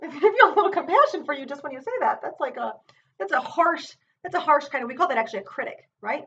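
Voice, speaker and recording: Gentle woman teacher, distant muffled mic. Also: high-pitched, animated. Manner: gentle, unhurried, thinking aloud with many fillers and restarts. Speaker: self-compassion teacher. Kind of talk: guided exercise with her child.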